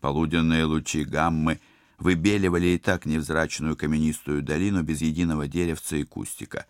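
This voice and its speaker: A man narrating an audiobook in an expressive, wry style. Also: very deep voice, a little fast, clean tone, dry recording, studio quality. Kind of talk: scripted narration.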